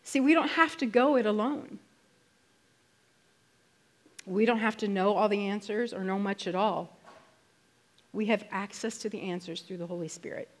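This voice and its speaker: Woman preaching a sermon, emphatic and conversational. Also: mid-range voice. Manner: conversational, emphatic, with slowed stressed phrases.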